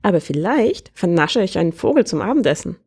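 A woman voicing a cheeky, playful young maid in a storybook reading, with a lively manner. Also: on the low side, a little fast, creaky, husky, no echo, studio quality, full character voice. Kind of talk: storybook character voice.

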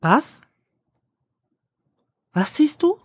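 A woman voicing a young female cook who is ironic and worn out, speaking slowly and hesitantly in an audiobook. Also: high-pitched, very animated, no room sound, clean studio sound, pitched above the performer's own voice, exaggerated voice. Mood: soft. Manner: slow and hesitant.

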